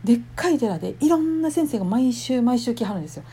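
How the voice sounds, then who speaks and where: Lively chatty Kansai woman. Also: a little high, quick pace, slightly rough. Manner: chatty, lively, laughs often. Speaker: temple wife podcaster. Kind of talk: casual monologue.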